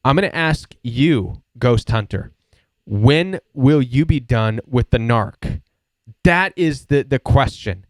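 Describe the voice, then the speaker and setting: A man's voice: mid-range voice, expressive, takes it slowly, dry recording, studio quality. A man hosting a live support show, answering viewer questions in an earnest, emphatic way and repeating his key points.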